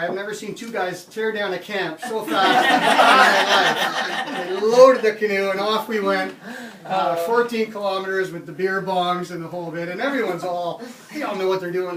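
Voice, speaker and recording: A middle-aged man from Canada casually telling a funny camping story, animated and laughing often. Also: sits high. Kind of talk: casual spoken anecdote. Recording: roomy, distant mic with background ambience.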